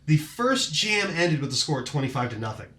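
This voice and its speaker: A man's voice: a little high, very animated, a little fast, heavy background noise. A man hosting a podcast, recapping bouts in casual, enthusiastic chat full of fillers. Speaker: podcast host. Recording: roomy echoing room.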